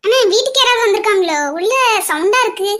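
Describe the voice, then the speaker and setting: A woman's voice: very high voice, expressive, quick pace, fairly bright tone. A woman voicing a cheerful, chatty young bride in a cartoon family drama. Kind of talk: cartoon voice acting.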